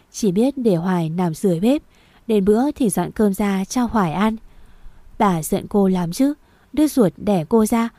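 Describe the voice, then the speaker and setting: Female storyteller, mellow reading voice, dry close recording. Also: medium pitch, dry recording. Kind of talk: scripted narration of a romance story.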